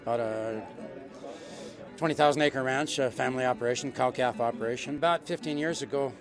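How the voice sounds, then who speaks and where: A man's voice: medium pitch, a little fast, over music. A middle-aged man from western North Dakota, a cattle rancher, telling an unscripted anecdote in a folksy, repetitive way. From western North Dakota, United States. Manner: folksy, repeats phrases as he goes.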